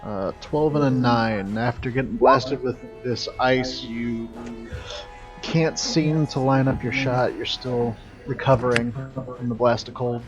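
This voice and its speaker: A man's voice: medium pitch, fairly even intonation, measured pace. Male game master, slightly muffled sound. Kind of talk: running a tabletop role-playing game. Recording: slightly dull sound, faint music behind.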